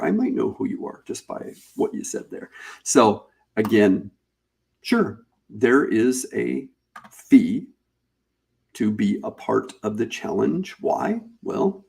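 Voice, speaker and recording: A man hosting a live webinar, pitching a paid challenge in a casual, chatty way, repeating and restarting phrases as he goes. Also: creaky, darkish tone. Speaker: webinar host.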